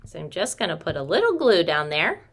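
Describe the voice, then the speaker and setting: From a small room in her home, a woman in her thirties who teaches preschool walks little kids through a craft, using simple child-directed speech and addressing them as friends. She talks fairly quickly in a low-leaning, slightly bright voice with huge pitch swings, and there's slight background noise.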